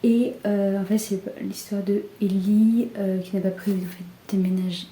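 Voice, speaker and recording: A young woman chatting casually about books in a soft, often half-whispered voice, with many fillers. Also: mid-range voice, steady tone, normal speed. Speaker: book vlogger. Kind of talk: casual book haul chat. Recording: echoey room with faint background hiss.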